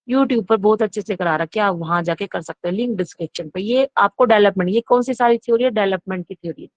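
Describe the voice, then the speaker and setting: A woman teaching in a casual lecture, stopping to correct herself and asking and answering her own questions. Her voice sits at a middle pitch, close to the mic and dry, with a dull lo-fi sound. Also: dry recording. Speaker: psychology teacher. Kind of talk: exam-prep lecture, casual Hindi-English mix.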